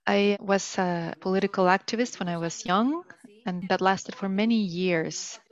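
A woman's voice: medium pitch, normal speed, dull audio. Woman as a live interpreter. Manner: steady interpreting in the first person, with small restarts. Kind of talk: live simultaneous interpretation of a guest.

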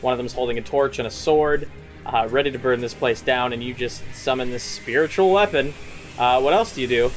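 A man's voice: mid-range voice, brisk, faint music behind. A man narrating as game master, loose and full of fillers.

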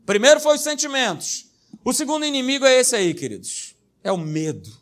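A man's voice: very high voice, sing-song, brisk. A male pastor preaching a sermon, emphatic and repetitive, hammering single words and tossing in jokey asides.

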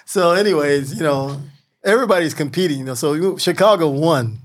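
Older Midwestern man, chatty guest storyteller, slightly high voice, laughs a lot. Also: a little fast. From Midwestern United States. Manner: animated storyteller, laughs often, many you-knows. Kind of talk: casual storytelling interview.

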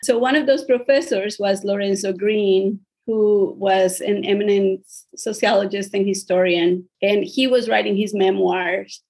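A woman's voice: medium pitch, steady tone, unhurried, a little mellow, breathy edge. Colombian-born woman telling her story. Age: middle-aged. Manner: reflective, storytelling with small restarts. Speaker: podcast guest, educator. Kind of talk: storytelling interview.

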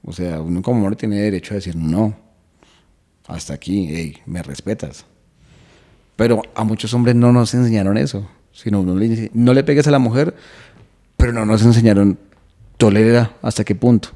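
A man's voice: on the low side, fairly even intonation, normal speed, warm tone. Earnest man talking it through. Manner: earnest, reflective, explains at length. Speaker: stand-up comedian and guest. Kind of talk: casual podcast conversation.

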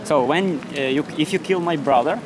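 Albanese man op een lawaaierige straat. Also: on the high side. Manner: halting non-native English, short phrases. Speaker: local interviewee. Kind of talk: informal interview answers. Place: outdoors on a busy city street. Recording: live on noisy busy street. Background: street traffic noise.

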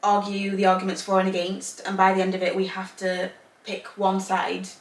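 Her mid-range voice is completely flat in delivery and moves at normal speed. She's a Zambian-born, English-raised podcast co-host who rambles in long run-ons and laughs often during casual chat, recorded from a distance in an echoey home room in Northern Ireland.

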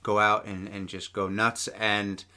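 A male podcast co-host in casual sports chat, his voice sitting on the lower side. His tone is bright and forceful, and he rambles along with plenty of ums and restarts. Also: level tone, unhurried. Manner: chatty, rambling, many fillers.

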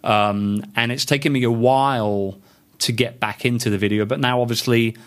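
A man hosts a podcast from his home office, talking in a loose, animated way that often doubles back on itself. His voice sits at an ordinary middle pitch for a man. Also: moderate pace. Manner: animated, chatty, many restarts. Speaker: podcast host. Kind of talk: casual interview chat. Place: home office full of books.

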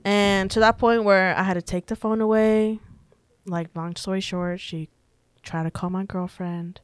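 A woman's voice: medium pitch, fairly even intonation, measured pace, clear, resonant tone, no echo. A young woman, a podcast guest telling a personal story in a chatty way, full of "like" and quoted dialogue. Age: young adult. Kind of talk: casual storytelling.

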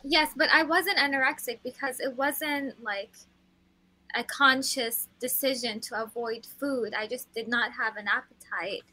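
Earnest bright-voiced young woman from Kuwait. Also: high voice, fairly even intonation, a little slow, no room sound, rough recording. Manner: open, earnest, filler-laden. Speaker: podcast guest. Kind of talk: casual chat.

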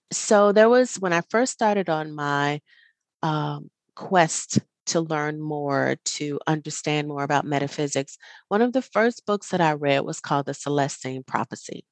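A woman with a low voice hosts a reflective self-help talk. She speaks to the listener directly, earnest and encouraging, with a smile you can hear. The recording is close and dry. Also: no room sound. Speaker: podcast host.

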